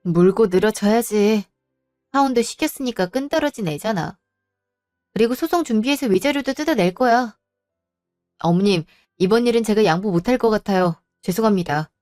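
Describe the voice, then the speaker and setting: A woman's voice: medium pitch, lively intonation, moderate pace, a little mellow, no room sound, clean studio sound, soft background music, lightly acted. A woman voicing a firm, betrayed wife and mother who scolds her husband sharply. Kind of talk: storybook voice acting.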